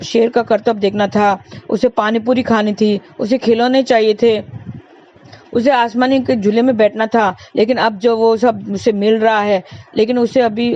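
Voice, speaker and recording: A woman's voice: a little high, a little mellow, dull audio, slight background noise. Earnest woman telling a moral story. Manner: repetitive, earnest, preachy.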